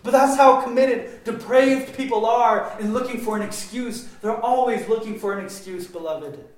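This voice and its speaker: A man preaching a sermon with passion, his voice swinging between loud emphatic stretches and quieter ones. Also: very high voice, normal speed. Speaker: pastor. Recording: very echoey room.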